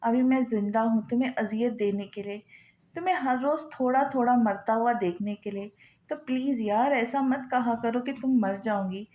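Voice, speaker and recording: A woman's voice: on the high side, normal speed, mellow, muffled recording, lightly acted. A woman voicing a cruel, taunting young husband who mocks with false tenderness, read in her own voice from a novel. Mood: mocking.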